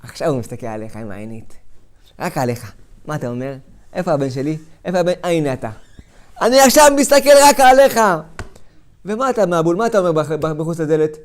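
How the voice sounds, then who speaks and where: A middle-aged man giving a sermon as a rabbi, dramatic, moving between hushed tones and loud outbursts and acting out inner voices. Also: fairly high pitch. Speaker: rabbi giving a weekly lesson.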